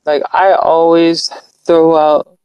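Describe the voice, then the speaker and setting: A live-streamer from California talks slowly and earnestly, reflecting aloud and rambling through restarts. The voice sits in a middle pitch. The sound is dry and close, with no room echo. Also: level tone, smooth, highs cut off. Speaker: livestreamer. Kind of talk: casual live-stream talk.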